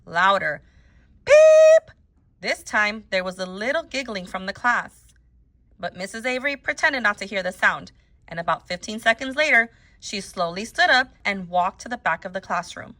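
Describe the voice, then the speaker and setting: A woman with a mid-range voice reads a children's book aloud as a teacher, telling the story expressively and placing emphasis with care.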